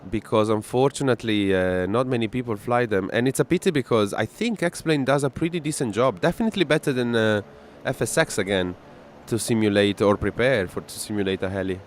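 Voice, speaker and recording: An Italian man streams a flight simulator, chatting casually with viewers, frequently responding to their messages and laughing easily. His voice is lowish and a little fast with hardly any pauses. Music plays behind him, along with a faint hiss or hum.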